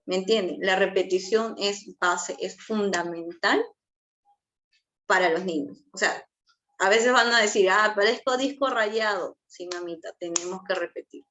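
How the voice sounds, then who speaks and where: A woman giving a class on early childhood language, talking in a lively way and acting out how adults speak to small children. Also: on the low side, unhurried, a little hiss or hum. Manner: lively, acts out child-directed speech. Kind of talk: online class lecture.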